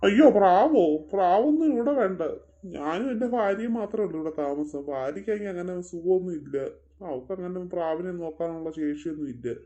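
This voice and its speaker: A woman's voice: lowish voice, expressive, dark tone, dull audio, lightly acted. A woman voicing a tired old man who turns visitors away in a family skit. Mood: weary. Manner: slow, weary, refusing. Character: old man in a big house, wary and tired.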